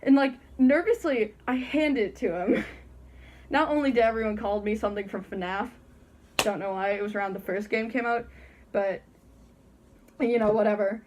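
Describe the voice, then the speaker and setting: A woman's voice: mid-range voice, fairly even intonation, moderate pace, pauses often, a little mellow, slight background noise. A teenage girl casually telling a story from her bedroom while wearing a costume head, chatty and giggly, acting out the people she quotes. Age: teens. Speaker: vlogger.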